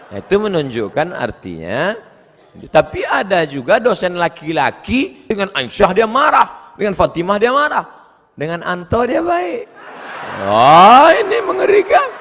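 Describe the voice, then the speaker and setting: Man, 40s, preacher with a humorous storytelling delivery, animated pitch, long hall reverb. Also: moderate pace, a little hiss or hum. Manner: lively storytelling, acting out quoted exchanges. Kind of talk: humorous sermon Q&A.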